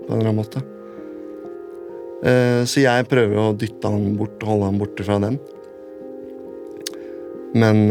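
A man telling his own story in a radio documentary, halting and repetitive, stringing his sentences together with "and then". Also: fairly low pitch. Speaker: interviewee recounting a personal event. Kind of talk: spoken recollection in a radio documentary.

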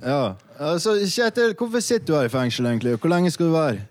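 A man's voice: on the high side, big pitch swings, darkish tone. A man, casually hosting a radio programme. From Northern Norway. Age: 20s. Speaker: radio host.

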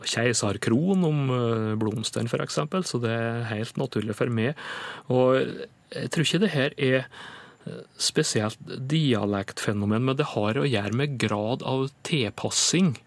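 A man as a radio dialect expert, answering listener questions in a measured, explanatory way with frequent pauses. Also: mid-range voice, gravelly, no room sound.

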